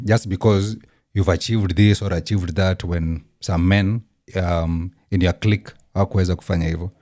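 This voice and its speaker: A man's voice: low-pitched, a little mellow, no echo, studio quality. A Kenyan man with a Kenyan accent, hosting and reacting casually, switching between English and Swahili slang with frequent ums. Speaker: show host reacting to a clip.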